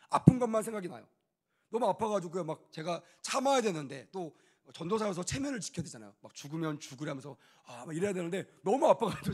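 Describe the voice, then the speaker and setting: A young man preaches as a youth pastor and tells a story from his own life with lively, acted-out quotes. His voice sits a little high and has a husky, breathy edge. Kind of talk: sermon testimony.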